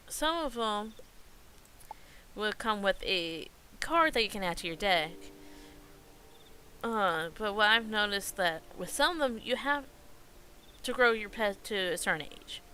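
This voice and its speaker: A woman live streamer giving casual game commentary in a hesitant, halting way, often searching for words. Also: mid-range voice, sharp tone, slight background noise.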